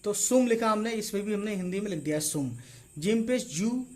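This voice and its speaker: High-voiced man teaching letters slowly. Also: animated. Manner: repeats "theek hai" after each point, slow spelled-out letters. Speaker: Urdu teacher. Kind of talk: casual online lesson.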